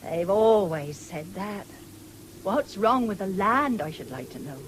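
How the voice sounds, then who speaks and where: In a 1970s British radio drama, an actress plays a proud, firm, plain-spoken English farm wife and mother, sounding bitter and impassioned. Her medium-pitched voice is animated, a little slow, and close to how she'd normally speak, heard on a noisy old broadcast recording.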